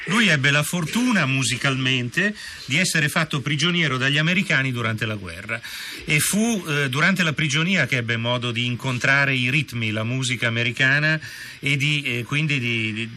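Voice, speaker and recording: A man speaks in a very bright, forceful voice at medium pitch, commenting conversationally as a radio host. Faint noise sits behind him. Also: moderate pace.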